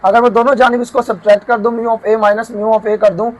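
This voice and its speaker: A man teaching math, walking through a proof and slowing down to dictate each formula term by term. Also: sits high, little pitch movement, rough recording. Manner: often checks in with "theek hai". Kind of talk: lecture explaining a proof.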